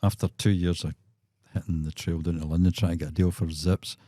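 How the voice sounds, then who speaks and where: Brief: Glaswegian musician in his sixties, dark low voice, spins anecdotes and acts out quotes. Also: steady tone, brisk, dry recording, clean studio sound. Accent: Scottish, Glaswegian. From Scotland. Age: 60s. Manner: chuckling raconteur, acts out quotes. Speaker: musician guest. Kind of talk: anecdotal storytelling in a podcast.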